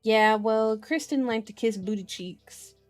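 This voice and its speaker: An ASMR channel host, a woman with a higher-pitched voice, reads a book in an unhurried way while faint music plays behind her. She's playful and talkative, drifting away from the text to make casual comments.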